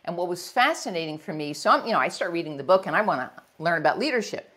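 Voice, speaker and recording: Energetic woman coach, lively pitch. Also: fast talker. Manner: energetic, acts out examples in varied voices. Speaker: leadership coach and guest. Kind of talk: conversational podcast interview.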